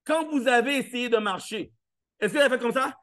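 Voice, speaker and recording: A man's voice: very high-pitched, brisk, fairly bright tone. A man giving a live motivational talk, playful and interactive, firing questions at the audience and acting out little scenes. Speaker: motivational speaker. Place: live event stage.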